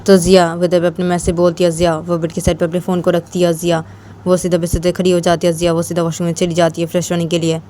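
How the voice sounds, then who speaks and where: A woman's voice: lowish voice, completely flat delivery, quick pace, mellow, a little hiss or hum. A woman storyteller narrating a romance story in a casual, repetitive way.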